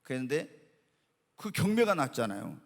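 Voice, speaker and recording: A middle-aged man preaching a sermon as pastor, telling stories in an animated way and acting out quotes. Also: mid-range voice, normal speed. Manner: animated storytelling with acted quotes. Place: church sanctuary. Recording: long hall reverb.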